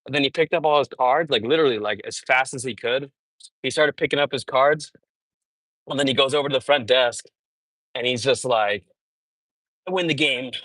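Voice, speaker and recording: Bright-voiced man streaming from a treadmill. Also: medium pitch, fairly quick, dry recording, rough recording. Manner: animated storytelling, peppered with "bro" and "dude"; talking while walking on a treadmill. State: sweating from exercise. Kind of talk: casual live-stream chat.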